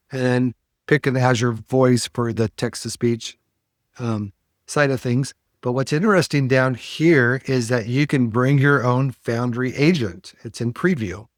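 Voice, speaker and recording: A man hosting a podcast, walking through a software demo in a casual, explanatory way with frequent fillers. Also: medium pitch, dry recording, studio quality. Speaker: podcast host.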